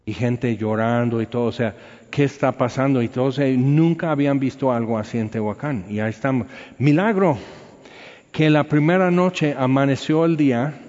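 A man, an evangelist telling his personal testimony in a rambling, animated way with many fillers. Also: mid-range voice, moderate pace. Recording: lo-fi with long hall reverb.

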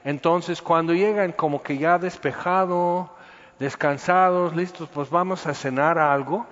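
A man's voice: a little high, steady tone, a little slow, fairly bright tone, big-room sound, highs cut off. A man giving an informal, conversational Bible teaching with humor. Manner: conversational, acts out voices with humor. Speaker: preacher.

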